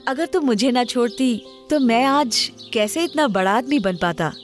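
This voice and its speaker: A woman voicing a kind, patient poor young man in a storybook tale, speaking softly and earnestly. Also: a little high, normal speed, soft background music, natural voice.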